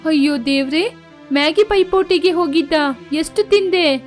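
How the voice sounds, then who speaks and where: A woman voicing a middle-aged mother-in-law in an animated storybook, fussing and scolding anxiously. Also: very high voice, moderate pace, soft background music, pitched above the performer's own voice. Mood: alarmed.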